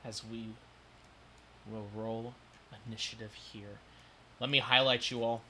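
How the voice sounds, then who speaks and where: A man's voice: mid-range voice, little pitch movement, measured pace, noisy background. A man narrating as game master of a tabletop game, in stop-start speech with many fillers.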